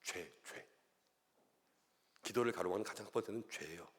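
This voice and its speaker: A middle-aged man preaching a sermon as pastor, animated and acting out little voices and quotes as he goes. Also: fairly low pitch, normal speed. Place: church sanctuary. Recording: long church-hall reverb.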